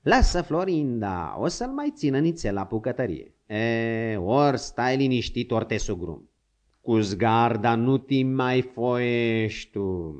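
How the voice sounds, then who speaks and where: A man voicing a gruff, crafty old male frontier hunter who grumbles and scolds, in a dull lo-fi audiobook recording. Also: medium pitch, expressive, close to an everyday voice.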